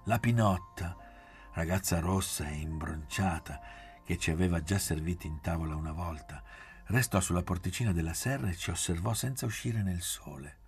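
A man reading a novel aloud in a measured, quiet, literary way. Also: deep voice, soft background music. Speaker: narrator.

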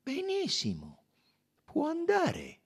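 A man doing a high, precise, fussy detective. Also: sing-song, normal speed, exaggerated voice. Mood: insistent. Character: fussy, sharp-minded Belgian male detective. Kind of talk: audiobook character reading.

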